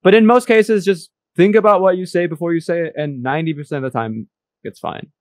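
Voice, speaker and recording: A man's voice: a little high, fairly quick, a little mellow, no room sound. Young guy joking around on a podcast, dead dry sound, laughs a lot. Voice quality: laughs often, teasing mock rants. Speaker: podcast co-host. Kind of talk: casual podcast chat.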